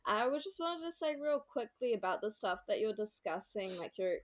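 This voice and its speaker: A woman's voice: mid-range voice, animated, moderate pace. A woman hosting a podcast, speaking informally and colloquially in casual discussion. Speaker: podcast host.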